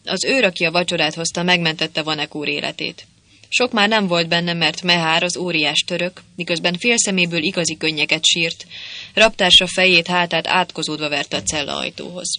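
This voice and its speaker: An audiobook narrator reading a comic story in a clear, even storytelling manner. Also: mid-range voice, no room sound. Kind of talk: scripted narration.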